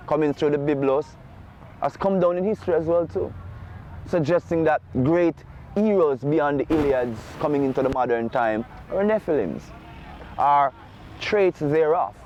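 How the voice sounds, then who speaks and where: A man giving an unscripted lecture in a deliberate, emphatic way, with grandiloquent wording and rhetorical check-in questions. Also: fairly high pitch, darkish tone. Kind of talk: unscripted spoken lecture on folklore and scripture. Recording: dull lo-fi sound, faint outdoor background noise.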